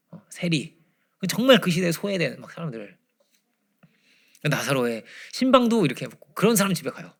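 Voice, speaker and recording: A man preaching a Friday prayer-meeting sermon, swinging from loud emphasis to hushed near-whispers. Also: mid-range voice, creaky, breathy edge. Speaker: pastor. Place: church.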